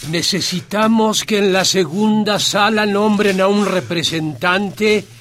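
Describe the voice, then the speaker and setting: A man playing a calm, pragmatic spokesman for quarantined internees in an audio drama, reasoning and directing the others. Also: high-pitched, a little slow. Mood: directive.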